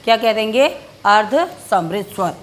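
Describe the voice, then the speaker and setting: A woman teacher giving a grammar lesson, asking and answering her own questions and slowing down to dictate notes. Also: mid-range voice. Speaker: Hindi teacher. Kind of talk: classroom-style grammar lesson.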